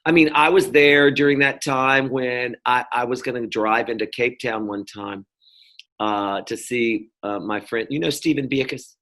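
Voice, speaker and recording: A middle-aged Southern man from North Carolina speaks at a measured pace with fairly even intonation and a fairly bright, medium-pitched voice. As an interview guest in casual conversation, he rambles, often using fillers and starting over.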